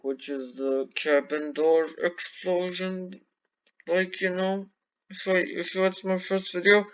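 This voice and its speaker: A man's voice: on the high side, muffled recording. Rambling teenage boy from Turkey. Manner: rambling, self-correcting, sleepy. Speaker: reaction video creator. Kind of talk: casual reaction commentary. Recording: loud music under the voice. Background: loud music and airplane sounds from the video.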